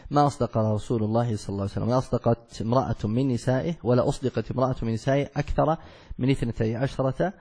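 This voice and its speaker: A man gives a classical study lesson, reading and then explaining each point. His voice is somewhat husky, and he often asks a question and answers it himself. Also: mid-range voice, racing, warm tone. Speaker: sheikh teaching a fiqh text.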